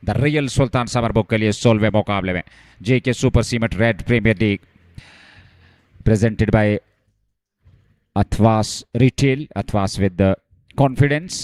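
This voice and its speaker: Man giving excited live cricket commentary. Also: on the low side, slow, pauses often, no echo, clean studio sound.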